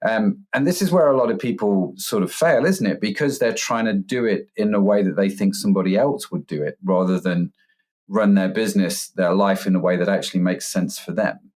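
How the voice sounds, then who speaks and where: A man's voice: on the low side, fairly quick, a little mellow. A man hosting a podcast, listening supportively and asking questions, often ending with tag questions. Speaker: podcast host. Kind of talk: casual podcast interview.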